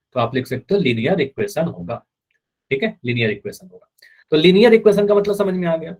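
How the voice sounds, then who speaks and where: A man's voice: on the high side, husky, rough recording. A man teaching a live online math class, patiently repeating key points and speaking students' answers for them.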